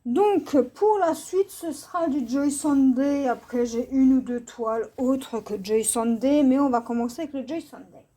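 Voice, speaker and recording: A woman from France hosting a casual craft vlog, taking her time over each item. Her voice sits a bit high but sounds soft and mellow. She hesitates often, filling gaps with small fillers as she goes. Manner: unhurried, hesitant with many fillers. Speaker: craft channel host. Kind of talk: casual show-and-tell vlog.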